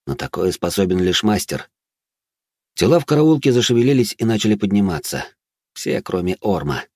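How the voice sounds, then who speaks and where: Low-voiced man narrating a fantasy book. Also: a little mellow, no echo, studio quality. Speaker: audiobook narrator.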